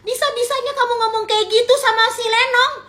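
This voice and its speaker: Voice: very high voice, steady tone, a little fast, sharp tone. A performer voicing a father in a comedic skit who lectures one child for being unkind to her sibling. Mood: reproachful. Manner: lecturing, reproachful. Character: stern, preachy father defending one child.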